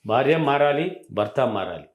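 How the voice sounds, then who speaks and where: A man working as a relationship coach, giving animated, emphatic advice and repeating his key points. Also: medium pitch, normal speed. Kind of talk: advice talk. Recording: roomy echo.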